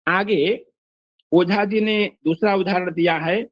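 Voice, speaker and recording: Slow, measured older male lecturer. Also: high voice, fairly even intonation, no echo. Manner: slow, measured, recites verses and examples. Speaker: Sanskrit phonetics teacher. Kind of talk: lecture explaining a text line by line. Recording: dull, lo-fi dry recording.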